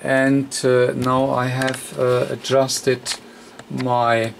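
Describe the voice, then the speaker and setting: A radio repair technician demonstrates a technical repair step by step in an unscripted, hands-on tutorial. His average-pitched, creaky voice moves very slowly with little pitch movement, frequent hesitations, and a halting flow, over a faint layer of background noise.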